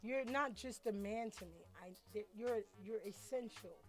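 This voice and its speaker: A woman caller in a voice note, speaking earnestly and haltingly, with conviction. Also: a little high. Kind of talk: voice note to a talk show. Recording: music playing underneath.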